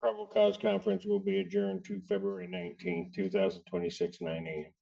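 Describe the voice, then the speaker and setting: A gravelly, darkly toned male judge speaks in a lively, rising and falling way. He moves briskly and bluntly through formal court procedure. The sound comes from a dull, distant courtroom recording. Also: high voice.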